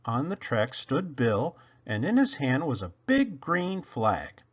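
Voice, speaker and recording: A man reading a children's story aloud, narrating expressively with dramatic emphasis and drawn-out words. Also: mid-range voice, wildly swooping pitch, husky, highs cut off. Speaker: storybook reader.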